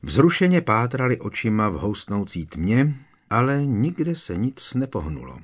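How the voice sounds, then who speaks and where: Low-voiced man narrating an audiobook. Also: slightly rough. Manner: measured, expressive storytelling. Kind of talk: scripted narration.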